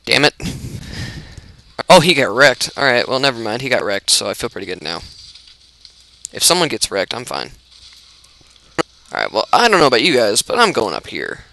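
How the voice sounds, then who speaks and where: A young man giving casual, rambling, excitable commentary while he plays a video game, laughing often. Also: mid-range voice, moderate pace, creaky, pauses often. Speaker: gaming YouTuber.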